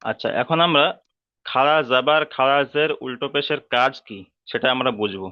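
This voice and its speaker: A man with a Bengali accent teaching a slow, step-by-step reading lesson, patiently repeating each term and drawing out each sound. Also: medium pitch, clean tone, no room sound, dull audio.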